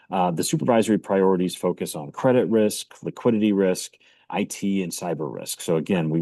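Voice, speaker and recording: Male commentator, low-pitched and measured, pausing often as he explains, recorded dry and close. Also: warm tone, no room sound. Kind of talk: informal explanatory commentary on a report.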